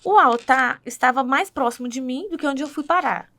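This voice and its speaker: A woman's voice: sits high, moderate pace, gravelly, pushed and bright. A woman with a Brazilian Portuguese accent telling her faith testimony in conversation, earnest and full of tag questions.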